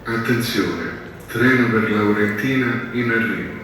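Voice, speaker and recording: An older man giving a slow, formal recorded announcement over a metro station loudspeaker. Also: fairly low pitch, very noisy. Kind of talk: recorded public transit announcement. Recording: echoey station loudspeaker from far off.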